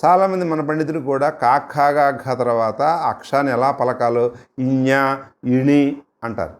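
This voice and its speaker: A middle-aged man with a Telugu accent teaching grammar in a steady, mid-range voice. He drills sounds one by one, stretching each syllable so the class can copy it. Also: medium pitch, measured pace. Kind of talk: grammar lesson.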